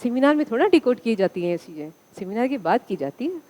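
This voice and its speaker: A woman's voice: on the high side, very animated, fast talker, warm tone. A woman teacher giving a classroom lecture, asking the students questions and answering them herself.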